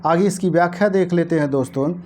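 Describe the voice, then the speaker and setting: A woman with a fairly low, mellow voice walks viewers through past exam questions in a teaching tone. She repeats key words slowly and keeps addressing her audience directly. Faint noise sits under the recording. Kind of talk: Hindi exam lesson, going through a past paper.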